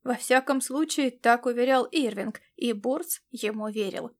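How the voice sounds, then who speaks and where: A woman narrating a science fiction adventure audiobook in a lively storytelling manner. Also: on the high side, a little slow.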